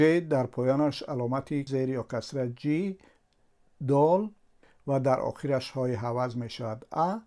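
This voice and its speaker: A man's voice: medium pitch, warm tone. Male teacher, mid-range voice, patient step-by-step spelling lesson. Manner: patient, step by step, repeats patterns. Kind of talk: slow spelling lesson, sounding out letters.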